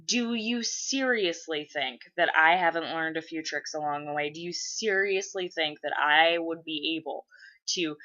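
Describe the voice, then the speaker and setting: A woman's voice: sits low, a little slow, sharp tone, muffled recording. A woman voicing a cocky, centuries-old male angel who is exasperated and sarcastic with demons.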